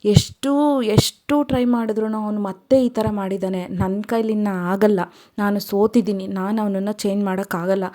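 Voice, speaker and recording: A woman voicing a heartbroken young wife who weeps and speaks haltingly, giving up on her marriage. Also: mid-range voice, fairly even intonation, warm tone, natural voice. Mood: despairing. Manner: tearful, halting.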